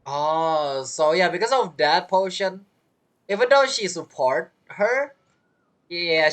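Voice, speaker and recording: A gaming video creator offers casual gameplay commentary, tossing in informal, muttered asides over game music. The voice is medium-pitched and a bit bright.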